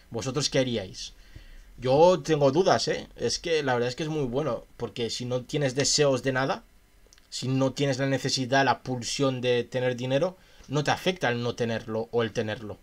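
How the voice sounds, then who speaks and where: A man from in a casual livestream, reading a philosophy text aloud and musing about it with his chat in a chatty, questioning way. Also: mid-range voice. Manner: reads passages aloud then muses with chat in a chatty, questioning way.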